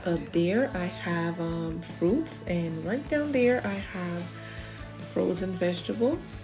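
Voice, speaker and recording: A woman's voice: fairly low pitch, lively intonation, takes it slowly, over music. A woman giving a casual, chatty voice-over as a home organization vlogger, talking directly to viewers with encouraging tips. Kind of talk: casual voice-over narration of cleaning.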